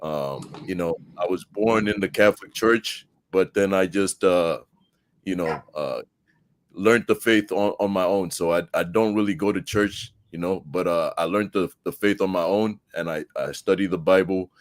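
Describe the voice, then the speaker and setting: A man's voice: deep voice, moderate pace, no room sound. A man from Zambia, a guest debater on a live stream, talking casually with lots of fillers and restarts. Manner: relaxed, many fillers and restarts.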